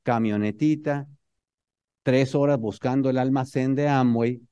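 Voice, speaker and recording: A man with a Mexican accent telling a humorous story to an audience in an animated, motivational speaking style. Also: medium pitch, unhurried, clear, resonant tone, dry recording.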